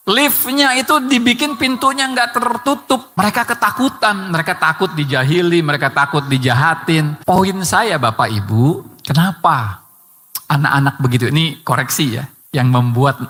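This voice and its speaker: Bright-voiced preacher in a reverberant hall. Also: male voice, mid-range voice. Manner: addresses listeners directly with rhetorical questions. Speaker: Islamic preacher. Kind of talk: sermon.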